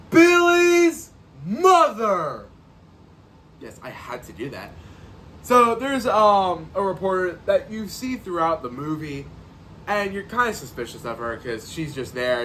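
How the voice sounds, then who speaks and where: A man's voice: fairly high pitch, slight background noise. A man hosting a podcast, reviewing a horror sequel on his own in a sarcastic, joking way and acting out audience reactions. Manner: animated and sarcastic, doing mock audience reactions. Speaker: podcast host. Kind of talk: solo movie review.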